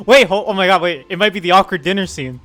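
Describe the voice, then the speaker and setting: A man's voice: high-pitched, quick pace, sharp tone, soft background music. A playful man chatting and laughing as a streamer while they read a game together. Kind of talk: casual chat while reading a game together.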